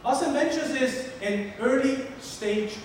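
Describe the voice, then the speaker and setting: A man in his forties from Sicily with an Italian accent, giving a lively, interactive conference keynote and polling the audience. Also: extremely high pitch, measured pace. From Sicily, Italy. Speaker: keynote speaker. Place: large hall with an audience. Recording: echoey hall, distant mic, faint noise.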